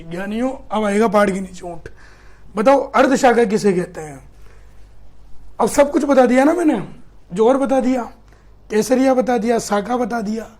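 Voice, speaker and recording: A man's voice: high voice, a little mellow. A middle-aged man with a Rajasthani accent, teaching history in a live online class, reading out student comments and quizzing them in a chatty, teasing way.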